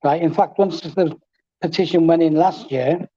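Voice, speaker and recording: A relaxed, wry man chats on a football fan panel. His voice is a little high and mellow, and it comes through a dull, lo-fi connection. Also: normal speed. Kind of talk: casual fan chat. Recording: dull lo-fi audio.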